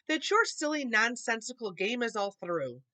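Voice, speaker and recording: A woman's voice: fairly high pitch, sing-song, moderate pace, pushed and bright, dry recording. A woman voicing a big, bossy, scornful female kangaroo from a storybook, haughty and snappish. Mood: scornful, threatening. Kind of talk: storybook character voice.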